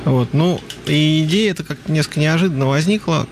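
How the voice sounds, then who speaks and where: Male guest presenter. Fry-heavy mid voice, thoughtful casual talk broken by pauses, slight noise underneath. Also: a little high. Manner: halting, reflective, many pauses. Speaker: guest presenter of a radio music programme. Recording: faint noise behind the voice.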